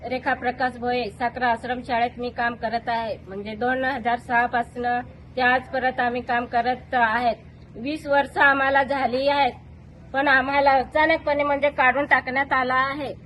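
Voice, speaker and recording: A middle-aged woman, a school worker, giving a quiet, hesitant statement at a protest. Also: sits high, normal speed, slight background noise. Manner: quiet, hesitant, flat speaking. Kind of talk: interview statement. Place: outdoors at a protest.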